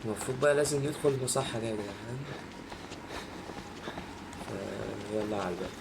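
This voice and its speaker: Egyptian male gamer, chatty horror let's-play host, quick delivery, game noise behind him. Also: fairly low pitch, vocal fry. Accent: Egyptian Arabic. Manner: chatty, addresses viewers often. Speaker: gaming video host. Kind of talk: casual horror game commentary.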